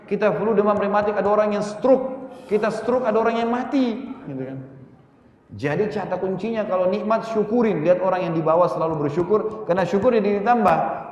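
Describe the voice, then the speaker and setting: A man's voice: a little high, a little mellow, echoey room, in a large hall. A male preacher giving a sermon, telling a story and acting out the dialogue. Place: large mosque.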